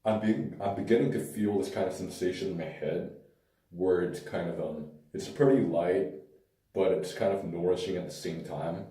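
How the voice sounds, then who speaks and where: This pomade review comes from a man whose voice is hoarse and worn out, almost gone, yet very low, dark and mellow. He talks at a moderate pace in a relaxed, rambling way, full of hesitant fillers. It was recorded from a distance in a room with echo.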